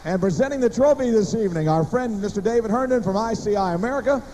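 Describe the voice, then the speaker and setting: High-pitched excited male arena sports announcer. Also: quick pace, rough recording. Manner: showmanlike, building suspense. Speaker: tractor pull announcer and interviewer. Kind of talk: excited live sports commentary to an arena crowd. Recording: live arena sound with faint engine noise.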